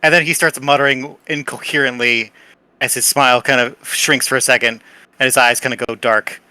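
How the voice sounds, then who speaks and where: A man's voice: mid-range voice, steady tone, fairly quick, sharp tone, dry recording, low-quality recording. A man acting as game master, improvising narration in a playful, dramatic way.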